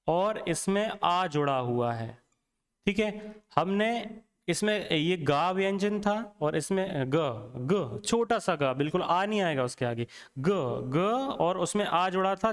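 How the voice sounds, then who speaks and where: A man giving an exam-prep grammar lecture, explaining slowly and sounding out letters one at a time while asking and answering his own questions. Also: high-pitched, clear, resonant tone, in a large hall. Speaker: teacher.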